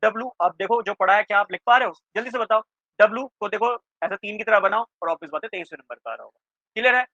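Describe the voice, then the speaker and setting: A man teaching a reasoning class for exam prep, quizzing students with quick questions and checking often that they follow. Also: high voice, pushed and bright, no echo. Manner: keeps checking in with students, asking "clear?". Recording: dry, slightly dull lo-fi sound.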